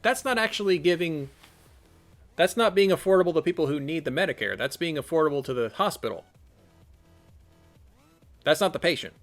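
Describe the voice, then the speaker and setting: A man's voice: fairly high pitch, animated, a little fast, pauses often, faint music behind. A man reading a text game aloud and thinking through his choices in a chatty let's-play style. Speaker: gamer reading and playing an interactive text game. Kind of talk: let's-play narration with casual commentary.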